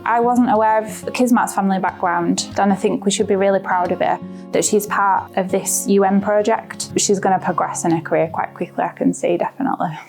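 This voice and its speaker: A woman, a hospital colleague, speaking warmly, proudly and briskly. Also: mid-range voice, steady tone. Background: soft guitar music.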